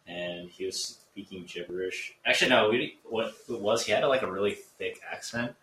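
A man's voice: lowish voice, moderate pace, fairly bright tone, distant mic, a little hiss or hum. A young man co-hosting a podcast, telling stories in a laid-back, wry way. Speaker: podcast co-host. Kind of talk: casual chat. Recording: echoey room, faint ambience.

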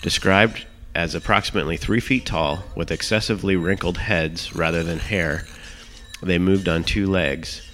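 Croaky, very low-voiced male host. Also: fairly even intonation, normal speed, a bit bright, slight background noise. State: hoarse from illness. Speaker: show host. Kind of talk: scripted narration with casual announcements. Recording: music playing behind the voice. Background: music.

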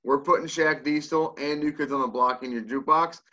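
A man's voice: a little high, fairly even intonation, a little fast, bright, forceful tone, highs cut off. A middle-aged American man co-hosting a podcast with joking, irreverent casual banter. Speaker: podcast co-host.

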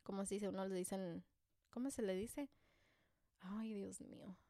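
A woman's voice: mid-range voice, steady tone, unhurried, warm tone, dry recording, clean studio sound. A woman with a Mexican accent, a mother telling a personal story to camera in a casual, joking and self-deprecating way, full of slang.

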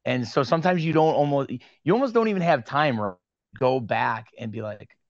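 A man's voice: medium pitch, no echo, highs cut off. A young man with a Western New York accent, telling stories as a guest in a casual interview. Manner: animated storyteller, quick asides. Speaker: podcast guest, sports card media host.

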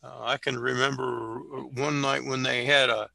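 Very gravelly older man, halting storyteller. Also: medium pitch, level tone, sharp tone, no room sound. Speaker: guest, Navy veteran. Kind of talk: casual conversation and storytelling.

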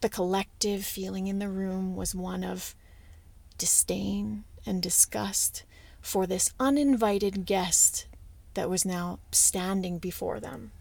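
A woman telling a story aloud on a podcast, with dramatic pauses and casual asides. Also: mid-range voice, fairly even intonation, gravelly, darkish tone. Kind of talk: oral storytelling.

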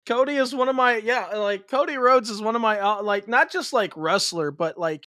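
High-voiced rambling podcast guy. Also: normal speed, bright, forceful tone, dry recording. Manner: rambling, many fillers and restarts. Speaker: podcast co-host. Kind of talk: casual wrestling chat.

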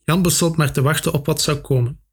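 A man reading a children's adventure story aloud with steady, expressive narration. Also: fairly high pitch, a little fast, breathy edge. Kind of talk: audiobook narration.

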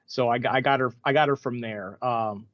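A man's voice: medium pitch, brisk, dry recording, highs cut off. Dry-sounding man rambling in podcast chat. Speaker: podcast co-host. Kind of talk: casual chat.

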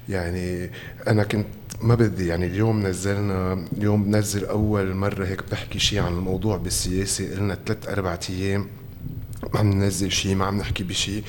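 A man's voice: deep voice, a little mellow. A man with a Lebanese Levantine Arabic accent giving political interview answers as a candidate, emphatically repeating his phrases. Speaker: election candidate being interviewed. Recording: reverberant room, faint background noise.

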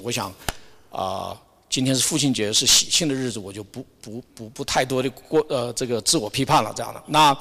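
A middle-aged man shares an informal sermon in a big, echoing hall. His pitch sits in an average male range. He speaks haltingly, feeling for words and slipping English terms into his sentences. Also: a bit bright. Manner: halting and hesitant, searching for words, mixing in English words. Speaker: church member sharing a Sunday message. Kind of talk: informal church testimony sermon. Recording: long hall reverb.

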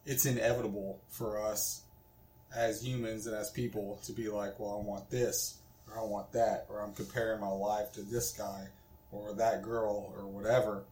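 A man's voice: fairly low pitch, little pitch movement, normal speed, darkish tone. A man in his twenties co-hosting a casual podcast, rambling with lots of fillers. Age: 20s. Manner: rambling, filler-heavy, laughs easily. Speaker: podcast co-host. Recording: echoey room.

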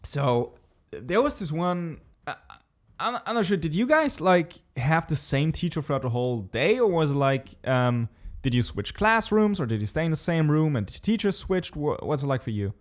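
A man's voice: on the high side, very animated, normal speed. A man casually telling a story in a chat, swearing often and laughing as he talks. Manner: laid-back storyteller, swears often, laughs mid-sentence.

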